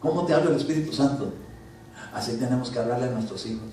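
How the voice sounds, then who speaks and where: Echoey preaching man, loud then soft. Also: mid-range voice, quick pace, a little hiss or hum. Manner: conversational preaching, swings from loud commands to soft asides. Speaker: pastor. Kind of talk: sermon. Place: church. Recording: very echoey church hall from a distance.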